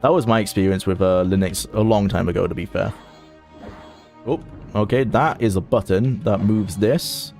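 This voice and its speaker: A man's voice: on the low side, normal speed, a little mellow, soft background music. A man streaming a video game, chatting casually and thinking aloud in an amused way. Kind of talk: casual gameplay commentary.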